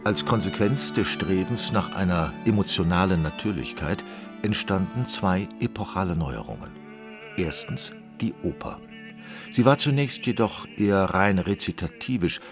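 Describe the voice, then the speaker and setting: A man reading a scripted radio documentary in a measured, explanatory manner. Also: low voice, animated, music in the background. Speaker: documentary narrator.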